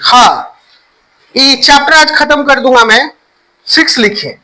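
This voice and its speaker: A man's voice: very high voice, a little slow, sharp tone, rough recording. A male teacher giving a classroom grammar lesson, quizzing students, repeating their answers and spelling words letter by letter.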